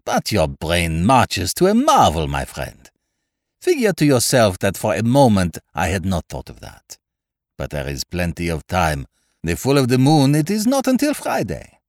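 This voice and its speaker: A man's voice: deep voice, wildly swooping pitch, moderate pace, no room sound, studio quality. Man voicing Poirot, a fussy detective. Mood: admiring, unhurried. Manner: foreign phrasing, exclamatory, courteous. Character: Belgian male detective, fussy, courteous, theatrically indignant.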